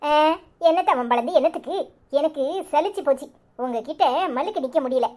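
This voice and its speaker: A woman's voice: high voice, brisk, dark tone, lightly acted. A woman voicing a jealous young wife in a cartoon comedy, with a Tirunelveli Tamil accent. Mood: complaining. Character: jealous young wife Anitha, feverish and pleading. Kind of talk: village cartoon drama.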